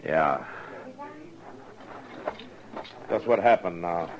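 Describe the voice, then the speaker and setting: An actor playing a steady, stern frontier marshal, terse and authoritative, in an old-time radio western. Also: male voice, low voice, normal speed, a crowd in the background. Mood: grim. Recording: dull old radio recording.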